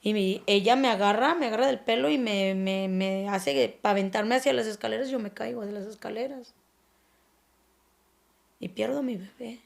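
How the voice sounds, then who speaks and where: A woman with a Mexican accent recounting her own story as an anonymous podcast guest, halting and often trailing off softly while she searches for words. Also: medium pitch, vocal fry. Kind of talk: personal testimony on a podcast.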